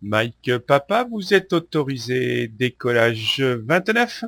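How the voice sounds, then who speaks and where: A man working as air traffic controller, giving radio clearances in a halting way. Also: medium pitch, sing-song, a bit bright, no room sound. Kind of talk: radio clearances with standard phraseology. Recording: noisy radio with engine hum.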